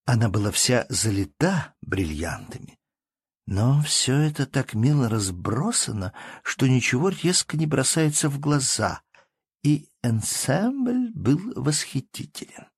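A man voicing a playful, elegant young baroness who chatters briskly, in a read-aloud story. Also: mid-range voice, very animated, creaky, breathy edge, no room sound, clean studio sound, pitched above the performer's own voice, full character voice.

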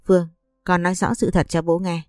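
A woman's voice: lowish voice, level tone, fairly quick, darkish tone, no echo, studio quality, faint music behind, lightly acted. A woman voicing a protective older father-in-law who speaks in a concerned, questioning way.

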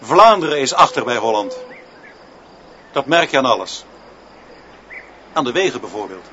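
In a radio drama, a man plays an opinionated, pedantic schoolteacher leading pupils, lecturing declamatorily in a very animated, bright, forceful medium-pitched voice at moderate pace. The recording is dull, with music behind it and a little hiss or hum.

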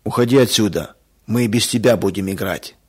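A man voicing a quarrelsome little boy who sulks and shouts. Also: fairly low pitch, fairly quick, breathy edge. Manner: sulky, shouting.

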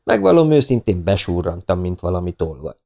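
For this audiobook character, a courteous, talkative, self-mocking burglar in his 40s, the male narrator goes exaggerated: low, creaky, and warm yet very animated. The highs in the recording are cut off.

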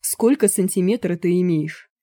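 A woman voicing an eager Danish foreign man who speaks in halting, broken grammar. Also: lowish voice, dark tone, no room sound, studio quality, close to an everyday voice. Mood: insistent.

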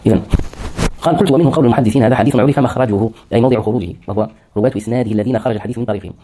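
A man's voice: mid-range voice, very fast, background noise. A man lecturing on hadith terminology, explaining words one by one and answering his own questions. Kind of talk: classroom lecture.

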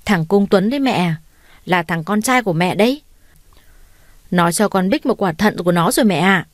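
A woman voicing a scheming young woman who turns cold and sharp, in an audio story with a dry, close sound. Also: medium pitch, lively intonation, normal speed, no room sound, lightly acted. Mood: indignant. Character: scheming proud young woman, quick to anger.

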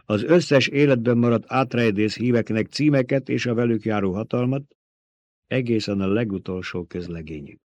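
A man voicing a cold, commanding young male ruler in an audiobook, speaking in a measured way as he dictates terms. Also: mid-range voice, a little mellow, no room sound, lightly acted. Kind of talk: audiobook reading.

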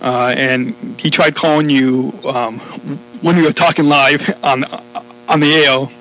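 Halting male podcast host. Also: mid-range voice, steady tone, a bit bright, slight background noise, rough recording. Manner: hesitant, heavy with "uh" and "um" fillers. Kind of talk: casual podcast interview.

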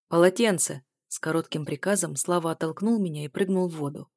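A woman reading first-person narration for an audiobook in a steady, even storytelling manner, on a close microphone. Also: medium pitch, dry recording.

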